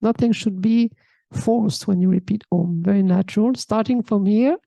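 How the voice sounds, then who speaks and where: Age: adult. Sex: woman. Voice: gravelly, mellow, dry sound. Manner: calm spiritual teacher, checks in with a soft hmm. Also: medium pitch, moderate pace, no room sound. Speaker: yoga teacher. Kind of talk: spiritual talk reading and explaining a text.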